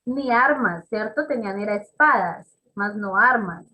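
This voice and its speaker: Slow, encouraging woman teacher. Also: mid-range voice, animated, pushed and bright, poor audio. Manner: encouraging, praises students by name; slow and explanatory, repeats examples. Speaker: English teacher. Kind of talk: classroom teaching.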